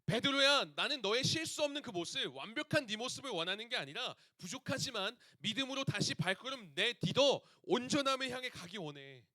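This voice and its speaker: Brief: tender male savior figure, soft and pleading, as a preacher speaks him, high bright voice. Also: lively intonation, fairly quick, few pauses, no room sound, full character voice.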